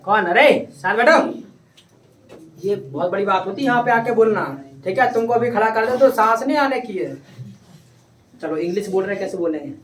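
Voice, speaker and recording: A man with a high, slightly bright voice teaches an English lesson in a classroom at a moderate pace, coaxing his pupils and repeating his questions. The room is echoey, the mic is distant, and there is faint noise.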